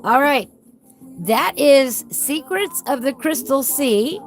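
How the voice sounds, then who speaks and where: A woman's voice: sits high, expressive, slow pace, faint music behind. Woman with whistling S sounds. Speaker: host of a coloring book channel. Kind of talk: casual live chat while flipping through a book.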